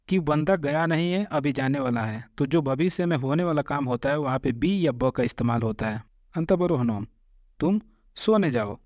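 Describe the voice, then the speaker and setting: A man teaching a spoken Arabic lesson. He says each phrase twice, slowly, then explains it word by word. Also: fairly high pitch, no room sound. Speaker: language teacher.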